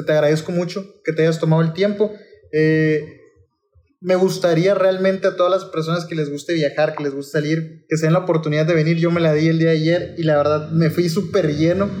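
Polite man hosting, slightly higher. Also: fairly even intonation, a little mellow. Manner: polite, halting, many fillers. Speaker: podcast host. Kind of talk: podcast interview.

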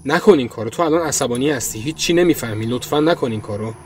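A man voicing a terrified, desperate captive who pleads and shouts in panic. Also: medium pitch, close to an everyday voice. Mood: pleading.

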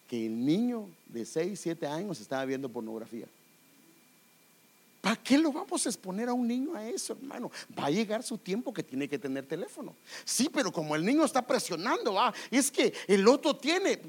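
A middle-aged male pastor preaching a sermon, animated and direct, often calling his listeners brother. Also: sits high.

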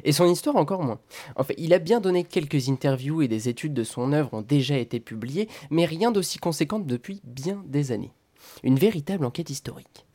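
A man's voice: a little high, animated, fairly quick, dark tone. A man hosting a comics podcast, reading his scripted intro and review in a playful, self-mocking way with theatrical emphasis.

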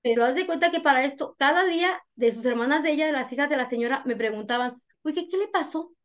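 A Mexican woman with a Mexican accent, a guest telling her life story in an interview, animated and frank, acting out what others said. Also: high voice, fast talker. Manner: animated storyteller who acts out other people's lines; frank, uses crude slang.

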